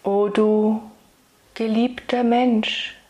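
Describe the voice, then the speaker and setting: A woman speaking as a spiritual meditation guide, soothing and intimate, addressing the listener solemnly and tenderly with long pauses. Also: fairly high pitch, level tone, mellow. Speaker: spiritual meditation guide delivering channeled messages.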